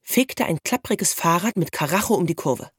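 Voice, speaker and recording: A woman narrating a children's storybook in a calm, even storytelling manner. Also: lowish voice, normal speed, husky, no echo, clean studio sound. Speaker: audiobook narrator.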